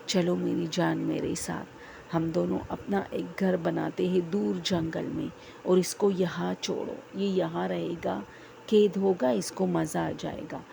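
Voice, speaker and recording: A woman's voice: fairly low pitch, fairly even intonation, vocal fry, warm tone, a little hiss or hum. A woman voicing an obsessive, possessive young male jinn in a horror story, speaking intensely and threateningly.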